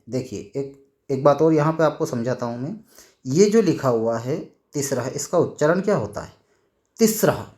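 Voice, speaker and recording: A man teaching a Sanskrit grammar lesson, slowly reading out words and repeating them, with frequent checks that students follow. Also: mid-range voice, darkish tone.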